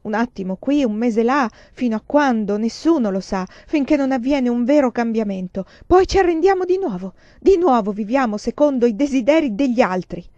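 A frustrated young Chinese lover bursts out in loud, rising protests in a slightly dull, lo-fi storybook recording, played by a woman reader. His voice is mellow rather than sharp, close and dry. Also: a little high, moderate pace, no echo, pitched above the performer's own voice, close to an everyday voice. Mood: indignant. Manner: rising, pleading and indignant outbursts.

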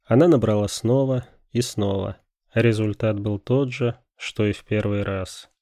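Low, flat-voiced male narrator. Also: a little slow, no room sound, studio quality. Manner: calm, even storytelling. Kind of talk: audiobook narration.

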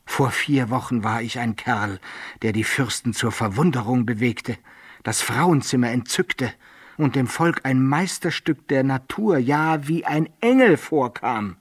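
An actor playing a luckless adventurer who recounts his downfall in measured, self-mocking archaic language in a radio play. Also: medium pitch, animated, husky, no room sound. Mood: rueful lament. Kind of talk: German radio play monologue.

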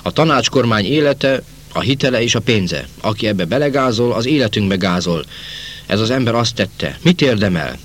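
A man's voice: lowish voice, expressive. A man reading the lines of a cold revolutionary tribunal judge in an audiobook, formal and stern.

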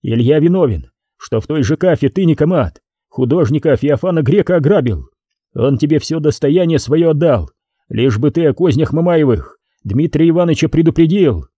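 A man's voice: on the high side, lively intonation, moderate pace, warm tone, slightly rough, no room sound, highs cut off. A man voicing a young male noble who is a desperate prisoner in chains, talking urgently and accusingly.

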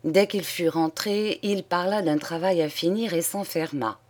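Woman narrator for a literary audiobook, unhurried, low pitch. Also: a little mellow. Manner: measured, deliberate reading. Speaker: audiobook reader.

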